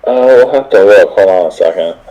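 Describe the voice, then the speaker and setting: A man's voice: lowish voice, animated, brisk, mellow, low-quality recording. A man playing a tabletop game, making offhand, joking remarks. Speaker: player. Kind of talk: casual tabletop play.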